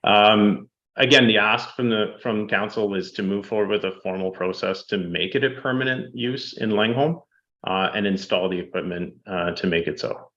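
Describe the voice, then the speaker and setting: A man presenting statistics to a city council, steady and fact-heavy, with frequent ums. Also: fairly low pitch, normal speed, dull audio. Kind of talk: public presentation. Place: council chamber.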